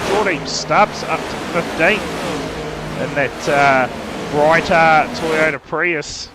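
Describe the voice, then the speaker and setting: A man with a broad New Zealand accent giving casual, matey, slangy live motor racing commentary. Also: fairly high pitch. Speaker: race commentator. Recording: loud engine noise throughout. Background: race car engines.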